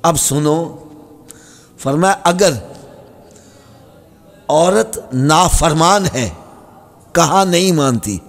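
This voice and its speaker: A man preaching a sermon, swinging between fervent high cries and soft pleading. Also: expressive, pauses often. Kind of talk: Urdu sermon. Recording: long hall reverb.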